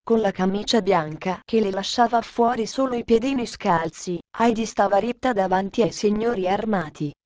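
A woman reading a children's classic aloud in measured storybook narration. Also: mid-range voice, darkish tone, no room sound. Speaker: audiobook narrator.

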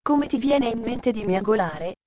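A woman voicing a gentle young girl from a wealthy home in a storybook reading, speaking in a pleading way. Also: a little high, animated, unhurried, muffled recording, crowd noise.

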